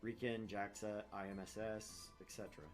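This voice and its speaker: Here the same kind of host speaks at an ordinary pace with a lowish pitch and a flat delivery, still joking, cursing, and reading out visual novel text. Music sits in the background, and the open mic he shares catches room noise from a home space with no soundproofing.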